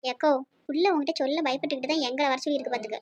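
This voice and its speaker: A woman voicing a gentle middle-aged village aunt with a Tirunelveli Tamil accent, soft and persuasive. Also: sits high, rapid-fire, voice pushed down, lightly acted. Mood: coaxing. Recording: muffled lo-fi.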